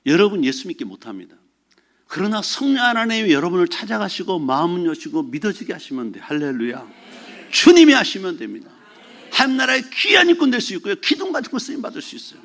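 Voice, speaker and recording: A man preaching a Sunday sermon as pastor, telling a story in an animated way and shouting exclamations from it. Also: high voice, fast, creaky. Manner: animated storytelling, mixes formal and casual speech, shouts acted exclamations. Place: church sanctuary.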